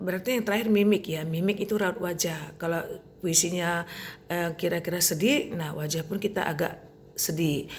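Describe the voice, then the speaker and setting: A woman teacher explaining a lesson to her pupils in a steady way, often starting with "nah" and ending with "ya". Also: lowish voice, a little hiss or hum. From Indonesia. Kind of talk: recorded lesson for pupils on reciting poetry.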